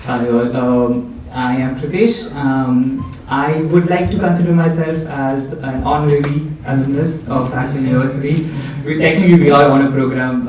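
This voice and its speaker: A man's voice: mid-range voice, darkish tone, slight background noise. A man introducing himself on a careers panel in a casual way, with many fillers. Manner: casual, lots of ums. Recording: echoey lecture theatre from far off.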